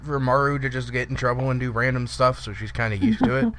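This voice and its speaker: A man's voice: medium pitch, lively intonation, brisk, fairly bright tone, no room sound, clean studio sound. A man narrating as dungeon master of a tabletop role-playing game, talking in an easygoing, rambling way.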